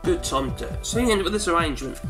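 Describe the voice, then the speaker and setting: Over background music, a man in his forties talks very fast in a fairly high, animated voice. He makes home videos, and here he wheezes and rambles through an informal how-to in his cluttered study, chatty and prone to self-correction.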